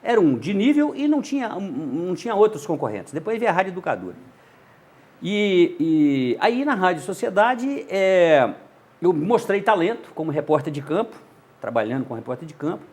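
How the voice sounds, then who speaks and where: Husky, lively older man from Minas Gerais. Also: high voice, normal speed. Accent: Minas Gerais Brazilian Portuguese. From Montes Claros, Minas Gerais, Brazil. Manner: animated, acts out dialogue in voices. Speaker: journalist and radio narrator, guest. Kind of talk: casual storytelling interview.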